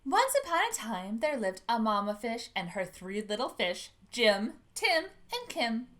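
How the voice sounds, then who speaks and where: A woman hosting an animated storytime for preschoolers, expressive and often putting questions to her young listeners. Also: a little high, a little slow. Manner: expressive, addresses young children with questions and gasps. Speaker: children's librarian hosting storytime.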